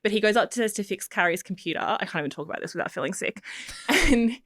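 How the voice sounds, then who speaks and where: A woman's voice: mid-range voice, animated, fast, a bit bright, dry recording, clean studio sound. A young woman co-hosting a chat show, telling stories with animation and acting out quotes. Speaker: podcast co-host. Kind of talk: casual chat.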